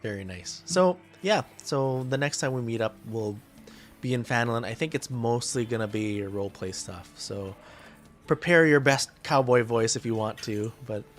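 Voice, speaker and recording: A man acting as game master for an online tabletop game, talking in a halting way with many ums and likes over a voice chat mic. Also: medium pitch, soft background music.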